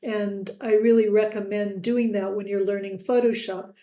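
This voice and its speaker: A woman tutoring software in a screen-recorded lesson, friendly, with quiz-style asides to the viewer. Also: mid-range voice, level tone, moderate pace, echoey room.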